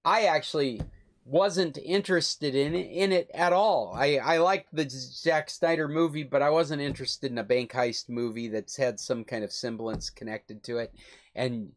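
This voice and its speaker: A man's voice: mid-range voice, fairly even intonation, moderate pace. An older man hosting a club video call, casually recommending a film in a rambling, enthusiastic, self-correcting way. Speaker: club host.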